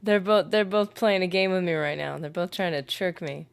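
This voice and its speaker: Chatty woman streamer, lowish voice. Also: normal speed, gravelly, clean tone. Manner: chatty and rambling, reads viewer comments aloud. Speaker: gaming livestreamer. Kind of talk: casual livestream chat while gaming.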